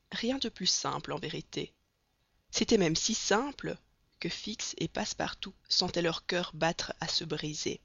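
An audiobook reader narrating a classic novel in a steady, measured way, in a dull, dry recording. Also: medium pitch, dry recording.

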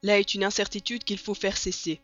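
A reader voicing a calm, resolute English gentleman who speaks in a cool, measured way in an audiobook. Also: mid-range voice, dry recording, lightly acted. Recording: dull lo-fi recording.

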